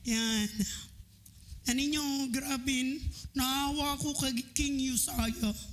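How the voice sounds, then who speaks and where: A woman preaching a sermon at a church service, sharing a personal testimony in an animated way, often laughing and sometimes breaking into shouts. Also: sits high, very slow, a little hiss or hum.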